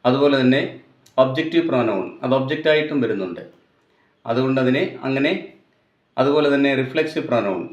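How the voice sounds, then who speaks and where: A man with a Malayali accent teaching English grammar, explaining slowly and deliberately and mixing English terms into Malayalam. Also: medium pitch. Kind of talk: grammar lesson. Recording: echoey room, dull lo-fi sound.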